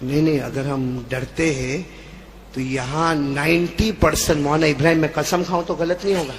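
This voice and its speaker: A man preaching to a live gathering. He jokes, quizzes the crowd, and swings between soft asides and shouts. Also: fairly high pitch, steady tone, big-room sound, a little hiss or hum. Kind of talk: lively storytelling sermon. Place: live religious gathering with a stage.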